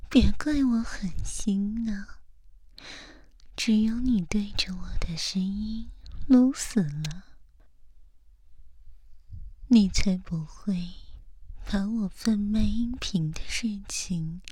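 A woman acts out a teasing, domineering seductress in an audio whispered role-play. She speaks extremely slowly and breathily, right up against the ear, with a soft, dark tone and a dry, close sound. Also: mid-range voice, breathy edge, no echo. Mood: mocking, teasing. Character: teasing, domineering adult seductress addressing a listener.

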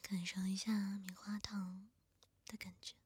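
A woman whispering softly and chattily to her listeners in an ASMR eating video, close to the microphone. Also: mid-range voice, little pitch movement, measured pace, husky, no echo. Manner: soft unvoiced whispering close to the mic. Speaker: ASMR creator. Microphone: close sensitive mic.

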